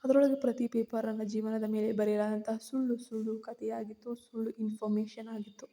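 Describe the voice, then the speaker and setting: A woman's voice: fairly high pitch, flat delivery, fairly quick, warm tone. A woman narrating a suspense story in the first person, with tense, fearful storytelling.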